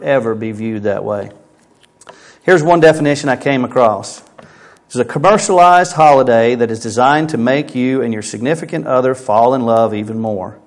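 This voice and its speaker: A man preaching a sermon as pastor at a pulpit microphone, talking conversationally and asking his listeners rhetorical questions. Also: mid-range voice.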